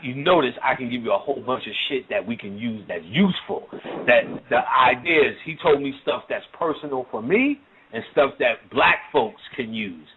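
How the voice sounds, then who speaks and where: A man delivers an occult lecture in a casual, rambling way, full of swearing and constant "you know what I'm saying" check-ins. His voice sits at an ordinary middle pitch. The audio is narrow and tinny, like a phone call. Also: lively intonation, moderate pace, slight background noise.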